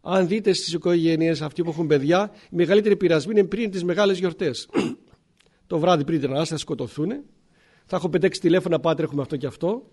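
A man, a priest, preaching a sermon, explaining scripture with many rhetorical questions and frequent throat-clearing. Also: on the high side, a little mellow.

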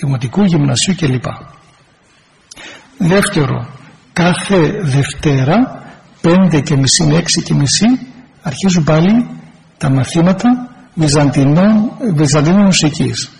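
Male parish priest, earnest pastoral talk, gravelly, faint hiss under a big hall reverb. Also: on the high side, animated, long pauses, darkish tone. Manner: earnest, pastoral, acts out sample replies. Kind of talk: church talk to a congregation.

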